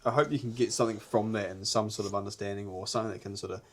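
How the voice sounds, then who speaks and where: A man's voice: fairly low pitch, fairly even intonation, very fast, slight background noise. Kiwi man chatting earnestly, broad accent. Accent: New Zealand. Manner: earnest, rambling, slangy. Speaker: podcast host. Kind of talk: casual podcast chat.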